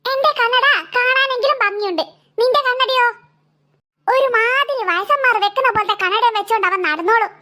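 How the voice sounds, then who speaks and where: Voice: very high-pitched, brisk, sharp tone. A voice actor playing a cheeky, quarrelsome schoolboy in a cartoon, speaking with a Malabar Malayalam accent. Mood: boastful. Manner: teasing, bragging, mock-threatening. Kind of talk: animated cartoon voice acting.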